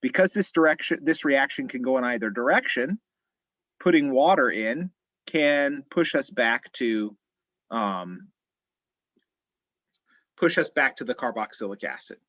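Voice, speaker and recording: A man's voice: medium pitch, unhurried, pauses often, no echo. Guy lecturing chem online, laid back, dull dry audio. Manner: relaxed, thinking aloud with fillers. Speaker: chemistry teacher.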